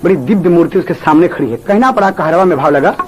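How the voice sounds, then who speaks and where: A man with a Bhojpuri accent, the lead birha singer, telling a folk tale in spoken narration and loud, drawn-out sung lines. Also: fairly high pitch, lively intonation, noisy background.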